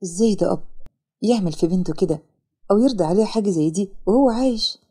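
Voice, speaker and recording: A woman voicing a kind, calm young man with an Egyptian accent, gentle and reassuring in a storybook narration. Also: mid-range voice, rapid-fire, slightly rough. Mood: upset. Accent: Egyptian Arabic. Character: kind, calm wealthy young man who rescues her.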